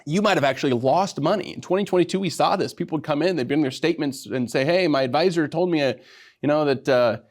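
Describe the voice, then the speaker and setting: A man hosting a financial advice show, talking briskly and conversationally with wry asides. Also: on the high side. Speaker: financial advisor host. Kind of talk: explanatory radio talk.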